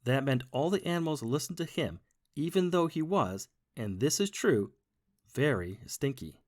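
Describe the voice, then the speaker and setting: A man reading a children's storybook aloud as the first-person bunny narrator, playful and expressive. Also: on the high side, normal speed.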